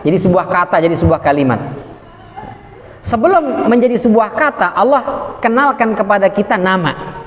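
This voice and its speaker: Male preacher, high voice, lively lecture style, speech, answers his own questions. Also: normal speed, pauses often, slight background noise. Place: mosque hall. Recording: echoey hall.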